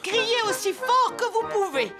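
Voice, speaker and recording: Very high-pitched grandmother pig. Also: expressive, unhurried, loud music behind the voice. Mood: cheerful, rallying. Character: Mamie Pig, brisk cheerful grandmother pig. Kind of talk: children's cartoon dub.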